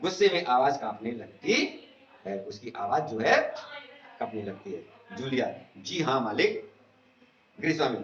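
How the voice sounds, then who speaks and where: A man's voice: medium pitch, a bit bright. A male teacher giving a literature lesson in an online class. He reads a play aloud and explains the meanings of words. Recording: echoey room, dull lo-fi sound.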